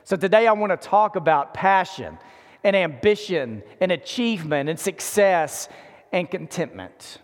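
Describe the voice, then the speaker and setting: A male preacher in his forties delivers a conversational sermon in a notably high register, emphatic and repeating phrases for weight. He speaks to an in-person audience in a large indoor hall, whose long reverb trails his words.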